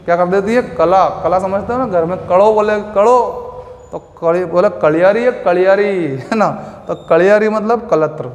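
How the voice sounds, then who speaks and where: A man with a fairly high voice drills vocabulary for competitive exams. He talks in a repetitive question-and-answer way and calls his students "beta". The sound is roomy, with a long reverb trailing behind him. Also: normal speed. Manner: playful memory tricks, addresses listeners as beta and bhaiya. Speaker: teacher. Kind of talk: exam-prep Hindi vocabulary lesson. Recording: echoey room with long reverb.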